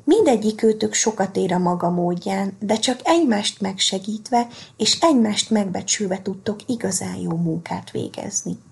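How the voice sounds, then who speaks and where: Storybook figure: old wise darning stick, calm peacemaker, husky, read by a woman. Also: medium pitch, few pauses, full character voice.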